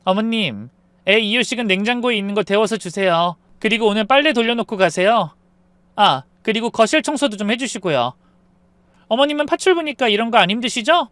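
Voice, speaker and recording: A man voicing a rude, condescending young daughter-in-law with a sharp, mocking tone. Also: high-pitched, animated, a little fast, dry recording, voice pushed up. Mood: bossy.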